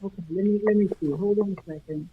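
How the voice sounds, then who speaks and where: A woman's voice: medium pitch, quick pace, slight background noise. A woman on an online group call whose voice comes through muffled and distant, as if from behind a wall, while she checks whether the others can hear her. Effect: muffled and distant, as if heard through a wall. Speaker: panel guest. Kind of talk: casual online group discussion. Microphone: call microphone, covered or too far. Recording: dry muffled lo-fi call audio.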